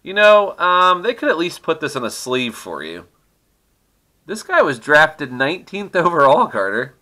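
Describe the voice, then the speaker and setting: Opening trading card packs at his desk at home, a middle-aged channel host gives casual card-breaking commentary, chatty and teasing and laughing often. He speaks at a measured pace in a fairly high, bright, forceful voice with big swings in pitch.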